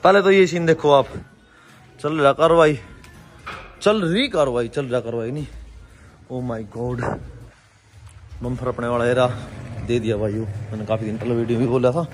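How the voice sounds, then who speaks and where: A man's voice: mid-range voice, steady tone, moderate pace, pauses often, faint music behind. A young man, talking chattily to viewers as he vlogs outdoors on a phone held at arm's length. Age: young adult. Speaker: vlogger. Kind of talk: casual vlog narration. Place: outdoors at a farmyard and street.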